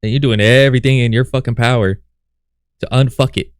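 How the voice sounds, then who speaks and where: A man's voice: mid-range voice, steady tone, brisk, clean tone, no room sound, clean studio sound. A man reacting to a video as a streamer, heckling the clip and swearing freely. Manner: profane, mocking, heckles the clip. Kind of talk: casual reaction commentary.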